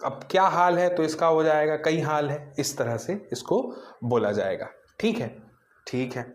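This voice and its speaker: A man's voice: medium pitch, darkish tone, echoey room. A man teaching an exam-prep grammar lecture, explaining step by step and answering his own questions.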